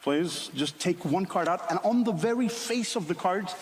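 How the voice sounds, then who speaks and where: A Finnish man with a Finnish accent performs stage magic patter on a TV studio stage before a live audience, making playful, chatty remarks to two volunteers while gesturing. His high voice is expressive at normal speed, and the roomy studio is filled with loud crowd noise.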